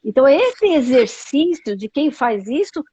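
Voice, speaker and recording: A woman's voice: high voice, big pitch swings, a little slow, dark tone. A woman psychologist with a Brazilian Portuguese accent, talking thoughtfully on a live video call with many fillers and tag questions. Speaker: psychologist guest. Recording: dull lo-fi video call audio.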